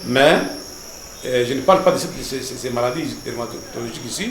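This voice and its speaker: Pastor teaching in an echoey room. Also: male voice, medium pitch, fairly quick, fairly bright tone, slight background noise. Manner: didactic, repeats words and tags lines with "hein" and "n'est-ce pas".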